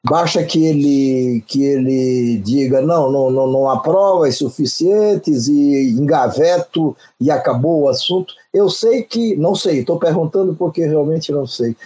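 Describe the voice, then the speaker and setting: Dark husky male political commentator. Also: a little high, low-quality recording. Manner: measured, explanatory, frequent restarts. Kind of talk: panel discussion analysis.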